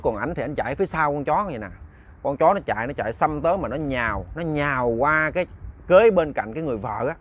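A man with a Southern Vietnamese accent telling a ghost story, chatty and talking straight to his listeners. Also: on the high side. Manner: chatty, addresses listeners directly.

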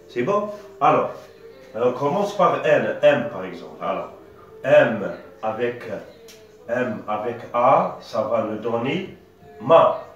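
A male teacher with an Algerian French accent giving a patient reading lesson, spelling out syllables with frequent hesitations. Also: mid-range voice. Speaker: primary school teacher. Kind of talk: slow classroom-style reading lesson. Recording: echoey room, distant dull mic.

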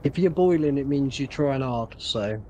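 A man's voice: mid-range voice, animated, moderate pace, darkish tone, lo-fi sound. A young man chatting and teasing friends during an online game session. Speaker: gamer. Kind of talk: casual gaming chat.

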